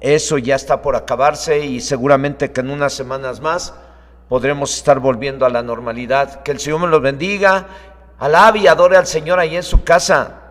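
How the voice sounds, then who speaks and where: A man preaching an online sermon as a pastor, moving between calm teaching and fervent prayer. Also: mid-range voice, moderate pace. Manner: starts calm, then fervent, raising his voice to preach. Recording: long hall reverb.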